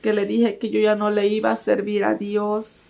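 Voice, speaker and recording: A woman's voice: medium pitch, completely flat delivery, normal speed, gravelly, a little mellow. A woman giving a personal religious testimony, earnestly speaking to her listeners as brothers and sisters.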